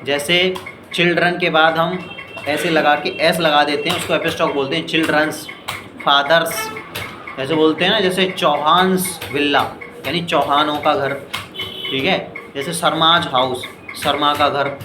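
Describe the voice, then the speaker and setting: A man's voice: on the high side, fairly even intonation. Indian man teaching English in an echoey room. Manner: explains slowly, asks "clear?" and "ठीक है" often; reads English examples very slowly and deliberately. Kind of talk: spoken English lesson in Hindi. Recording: echoey room with noisy background.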